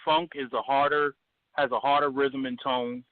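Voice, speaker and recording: A man's voice: medium pitch, flat delivery, no room sound. Man calling in over a phone line. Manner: halting, restarts often. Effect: heard over a phone line. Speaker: caller. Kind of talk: call-in question on a talk show.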